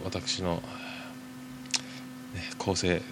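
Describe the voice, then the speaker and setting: A man hosting a podcast, reading listener mail aloud and chatting casually in a rambling, hesitant way full of drawn-out fillers. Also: low-pitched, monotone, very noisy. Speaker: podcast host.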